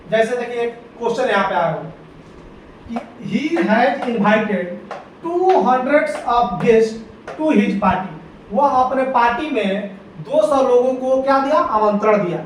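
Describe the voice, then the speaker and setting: A man teaching English grammar for exam prep, repeating key points and often checking that students follow. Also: very high-pitched. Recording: echoey room, distant mic, faint noise.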